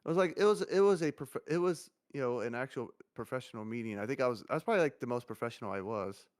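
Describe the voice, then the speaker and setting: A man chatting casually on a stream as an agency head, speaking slowly and halting, with many restarts. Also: medium pitch, expressive. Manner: halting, restarts and repeats "I remember"; talks slowly. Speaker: agency CEO.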